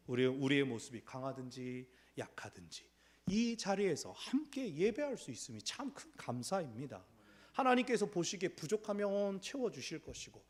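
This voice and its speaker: Animated male pastor preaching. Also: high voice. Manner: animated preaching, acts out quoted voices. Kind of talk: sermon. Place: church sanctuary.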